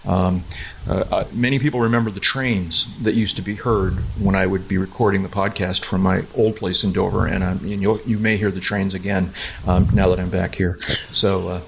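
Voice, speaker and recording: A man's voice: low-pitched, steady tone, creaky, slight background noise. A middle-aged man hosting a casual, rambling podcast, often interrupting himself, speaking from inside a mostly empty room that sounds echoey. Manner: halting, self-interrupting delivery. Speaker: podcast host.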